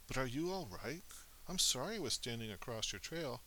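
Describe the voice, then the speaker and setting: A man voicing a timid, gentle female moose in a storybook reading, polite and curious. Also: mid-range voice, expressive, a little fast, slight background noise, low-quality recording. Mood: apologetic.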